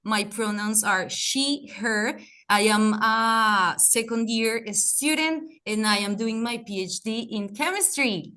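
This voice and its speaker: Bright young woman. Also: fairly high pitch, takes it slowly, few pauses. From Colombia. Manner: chatty, searching for words. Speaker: graduate peer mentor. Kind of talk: workshop presentation over video call.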